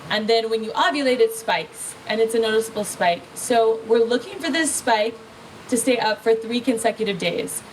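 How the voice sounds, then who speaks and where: A woman's voice: on the high side, normal speed. A woman teaching natural birth control at a festival workshop, talking casually with lots of "like" and questions she answers herself. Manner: casual, chatty, frequent "like" and rhetorical questions. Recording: distant mic with faint ambient noise.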